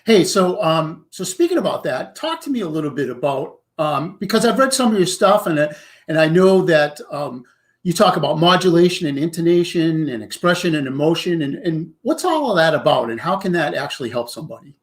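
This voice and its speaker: A man's voice: fairly high pitch, sing-song, fairly quick. A man hosting a live stream, asking casual interview questions in a friendly way with many fillers.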